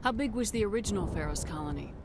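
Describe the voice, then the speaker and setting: A woman's voice: medium pitch, animated, fast, background noise, natural voice. An actress playing a composed female military commander in a video game, asking questions in a direct, professional way. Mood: composed, inquiring. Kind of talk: video game dialogue acting. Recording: game audio with music behind.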